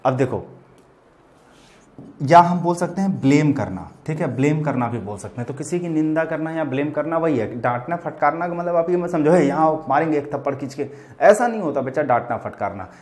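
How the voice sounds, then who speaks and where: Guy teaching english words in hindi, keeps saying theek hai, drags out the examples slow. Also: a little high, expressive, darkish tone. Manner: addresses students as bachelors "bachche", repeats "theek hai" often; stretches out words and example sentences slowly. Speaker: vocabulary teacher. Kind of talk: classroom vocabulary lesson.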